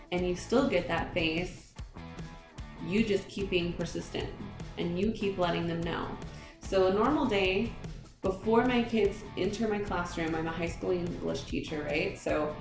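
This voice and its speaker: A woman who teaches high school English gives other teachers earnest, direct advice on classroom management. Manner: earnest, direct, addresses the listener as a fellow teacher. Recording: echoey room with music playing underneath.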